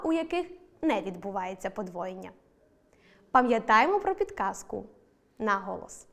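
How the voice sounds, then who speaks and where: A woman teacher with a Ukrainian accent giving a recorded online lesson, slowly stressing each example word. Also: fairly high pitch. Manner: slow, deliberate stress on example words.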